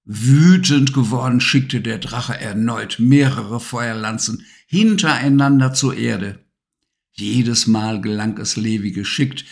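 A man narrating a children's storybook at an unhurried, slow pace. His delivery stays calm and measured, with a mid-range voice. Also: mid-range voice, vocal fry. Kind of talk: storybook reading.

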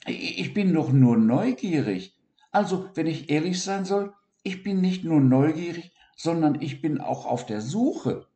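A man's voice: a little high, animated, unhurried, warm tone, voice pushed up. A man voicing a small, timid male dormouse who sniffles and stammers in a children's story. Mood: nervous. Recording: roomy echo.

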